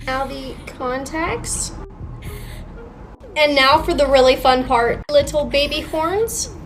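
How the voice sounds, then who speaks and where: A woman's voice: high voice, slow, fairly bright tone, soft background music. A young woman narrating her makeup removal, with grossed-out, casual commentary.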